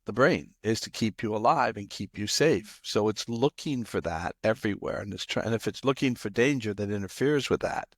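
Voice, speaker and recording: A man's voice: on the low side, normal speed, few pauses, dry recording, clean studio sound. A man hosting a podcast, explaining and telling stories in casual conversation. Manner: storytelling, explanatory. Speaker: podcast host.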